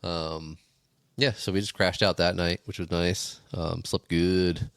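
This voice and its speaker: Relaxed low-voiced man recapping a trip. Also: measured pace, smooth, no echo, clean studio sound. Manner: relaxed, agreeable, lots of "yeah" and "you know". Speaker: podcast co-host. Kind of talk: casual chat.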